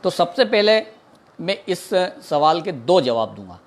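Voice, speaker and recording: Indian snake catcher guy, kinda high voice, explains earnestly, repeats stuff a lot. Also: very animated, a little slow. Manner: earnest, explanatory, repeats himself, mixes English words. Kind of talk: informal talk answering a viewer's question.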